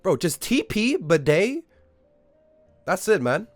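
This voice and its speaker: A man's voice: high-pitched, sing-song, slow, no room sound, soft background music. A young man, ranting in a casual, profane way at his live-stream chat. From Australia. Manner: incredulous, profane, exaggerated ranting.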